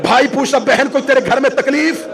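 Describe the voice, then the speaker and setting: A man delivering an impassioned sermon, wailing and rising to shouts, at a large mourning gathering. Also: extremely high pitch, normal speed. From Pakistan. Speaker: Shia cleric delivering a majlis. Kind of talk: emotional sermon recitation. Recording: noisy crowded gathering, live mic.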